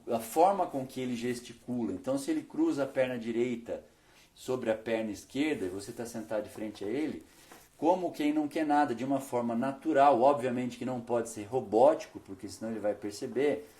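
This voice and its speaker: A man's voice: medium pitch, mellow. A male veterinarian teaching business tips in an instructional video, often asking himself questions and answering them.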